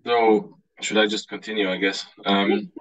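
Man in his thirties from Austria, low-pitched, dry close sound, earnest panelist. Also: flat delivery, a bit bright, no echo, rough recording. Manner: halting, many fillers, earnest. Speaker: panelist, author. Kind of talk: panel discussion on video call. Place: home room indoors. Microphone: video call.

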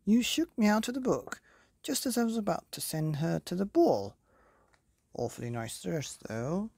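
A woman's voice: fairly low pitch, very animated, normal speed, creaky, darkish tone, no room sound, studio quality, pitched above the performer's own voice, exaggerated voice. A woman voicing a vain, easily flustered fairy godmother in a storybook, prim and chattering. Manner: prim, chattering, self-absorbed.

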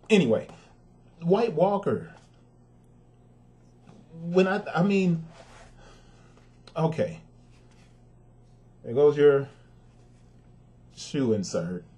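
A man's voice: medium pitch, dark tone. A man who is a father gives a casual, emphatic sneaker review, talking straight to his viewers and venting his frustration. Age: adult with a son.

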